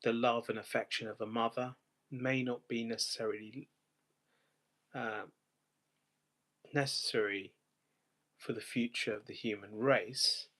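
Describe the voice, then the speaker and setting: A man's voice: mid-range voice, fairly even intonation, a little slow, long pauses, sharp tone. A man hosting a live stream, thinking aloud in a rambling, speculative monologue full of restarts.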